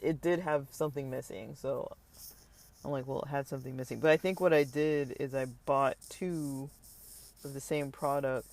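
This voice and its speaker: A man's voice: mid-range voice, steady tone, normal speed, creaky. A tired man rambling casually through a vlog update about his online store, with lots of fillers and restarts. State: tired, yawning. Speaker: online seller vlogger.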